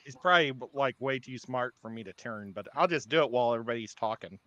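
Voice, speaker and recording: Player, lively and self-mocking, bright voice. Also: male voice, mid-range voice, muffled recording. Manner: quick, self-deprecating. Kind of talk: casual game chat.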